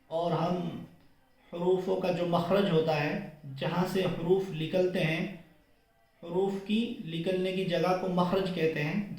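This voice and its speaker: A man teaching a reading lesson, patient and explaining each point slowly, repeating and rephrasing for his viewers. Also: on the high side, darkish tone, heavy reverb, rough recording. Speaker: Quran teacher.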